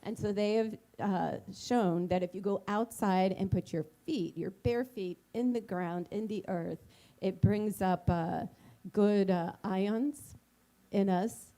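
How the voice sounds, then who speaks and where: A woman co-leading a casual sermon, speaking gently and hesitantly with many fillers. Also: medium pitch, slow pace. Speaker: spiritual community co-minister.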